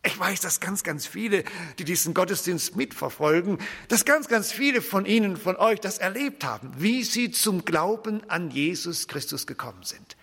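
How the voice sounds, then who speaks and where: A man preaching a sermon in a church, with emphatic, expressive delivery and frequent repetition. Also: high-pitched, normal speed, husky. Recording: church hall reverb.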